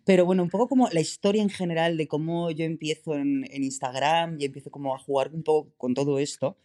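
A man's voice: on the high side, fairly even intonation, dark tone. A man from Madrid with a Madrid Spanish accent, a podcast guest chatting casually and telling stories with lots of fillers. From Madrid, Spain. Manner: chatty, many fillers, drawn-out storytelling. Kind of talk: casual interview chat.

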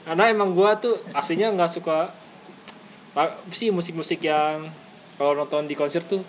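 A young man talks at an easy pace, his voice slightly high, agreeing readily and letting his sentences trail off. Faint ambience hangs behind him. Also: moderate pace, a little hiss or hum. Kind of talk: casual chat.

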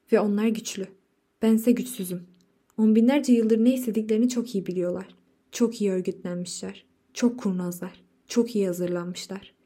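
A woman's voice: mid-range voice, mellow, lightly acted. A woman reading the part of a desperate, weary male painter, with agitated outbursts, in a storybook reading. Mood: bitter.

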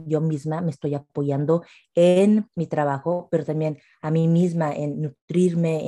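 Low, mellow-voiced woman reflecting. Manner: halting, repeats words, reflective. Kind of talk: casual reflective chat. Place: working from home.

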